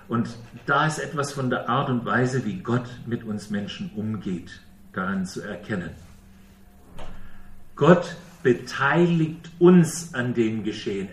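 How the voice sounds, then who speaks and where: Guy preaching real slow, leans hard on words, sounds a bit far off the mic. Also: medium pitch, fairly bright tone, a little hiss or hum. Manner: slow, emphatic preaching with questions and quoted speech. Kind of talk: sermon. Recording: echoey room, voice from away from the mic.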